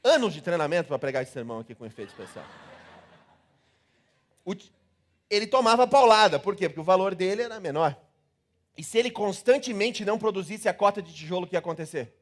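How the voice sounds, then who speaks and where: Animated Brazilian pastor preaching, high voice. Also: male voice, fast, pauses often. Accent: Brazilian Portuguese. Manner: animated, theatrical, acts out scenes and repeats words rhythmically. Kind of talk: sermon.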